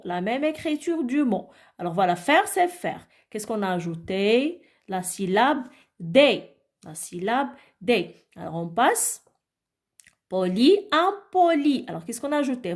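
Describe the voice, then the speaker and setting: A woman teaching a grammar lesson to young children, patient and repetitive, often checking whether they follow. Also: on the high side. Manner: patient, repeats words and asks "d'accord?". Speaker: primary school teacher.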